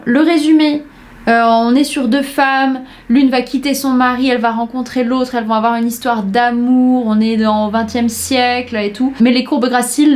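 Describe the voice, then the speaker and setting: Woman, young adult, from France, book podcaster, enthusiastic, chatty, full of fillers. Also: on the high side. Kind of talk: casual book chat.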